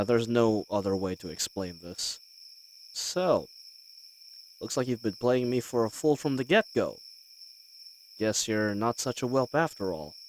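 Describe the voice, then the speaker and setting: Man playing a lively, roguish bandit leader. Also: fairly low pitch, slight background noise. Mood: wry, accepting. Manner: folksy, teasing, conversational with hesitations. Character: roguish, good-humoured male bandit leader, wry and blustering. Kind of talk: scripted fantasy audio roleplay.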